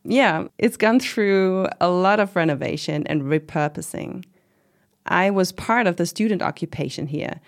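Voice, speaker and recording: A woman's voice: fairly low pitch, unhurried. A woman playing a proud middle-aged commune organizer in an interview drama, talking in a casual, reflective, lightly wry way. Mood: reflective, candid. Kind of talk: conversational oral-history interview acting.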